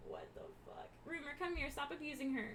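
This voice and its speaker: A woman livestreaming in a high voice that leaps up and down as she chats, coos at her pets and swears with abandon. Music plays steadily under her voice. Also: wildly swooping pitch, a little fast, noisy background. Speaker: streamer. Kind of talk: casual live-stream chatter while gaming. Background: background music.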